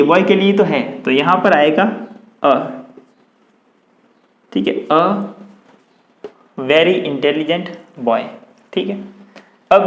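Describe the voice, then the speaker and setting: A man with a Hindi accent teaching English grammar, explaining slowly and dictating example sentences word by word. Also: high-pitched, reverberant. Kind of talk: classroom-style grammar lesson.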